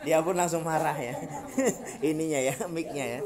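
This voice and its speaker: A man's voice: on the high side, fairly even intonation, normal speed, echoey room, a crowd in the background. A man with a Javanese accent gives a casual, joking Quran study talk to an elderly group in a park, acting out little dialogues and laughing often. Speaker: preacher. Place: outdoor park gathering.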